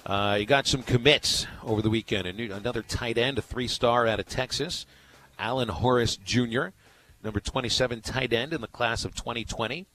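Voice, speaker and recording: A man's voice: mid-range voice, a little fast, a bit bright, rough recording. A man co-hosting a sports radio show, talking casually and telling rambling stories with many restarts.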